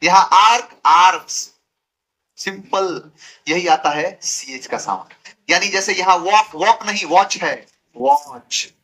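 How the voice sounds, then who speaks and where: A man's voice: sits high, slow, bright, forceful tone. A man teaching English grammar in Hindi, drilling letter sounds by repeating them and quizzing his students. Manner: drills sounds by repetition, asks students questions. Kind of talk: classroom grammar lesson.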